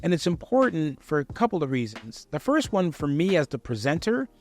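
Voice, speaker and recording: A man giving instructional tips straight to the listener in a clear, projected presenter's delivery, conversational yet emphatic and encouraging. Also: a little high, sing-song, fairly quick, darkish tone. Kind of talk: conversational instructional talk to camera.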